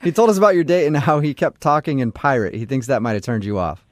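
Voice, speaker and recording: A man's voice: medium pitch, quick pace, no room sound. A male morning radio host, playful and teasing, interviewing callers.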